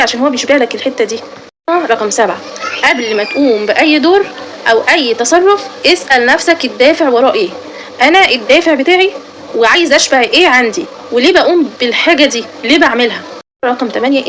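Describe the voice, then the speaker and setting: Egyptian woman, self-help vlogger; high voice, very rapid delivery, earnest and direct with the listener. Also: fairly bright tone, a little hiss or hum. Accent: Egyptian Arabic. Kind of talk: advice talk to camera.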